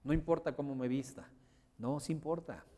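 A man leading a motivational seminar, emphatic and often asking his audience whether he is being clear. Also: fairly high pitch, normal speed, dark tone. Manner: emphatic, checks understanding with rhetorical questions. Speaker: motivational course instructor. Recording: long hall reverb.

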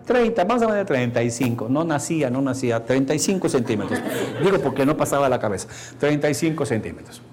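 A man's voice: mid-range voice, very animated, quick pace, a little mellow. A man giving a lecture to an audience, asking them questions and acting out the voices he quotes. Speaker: course speaker.

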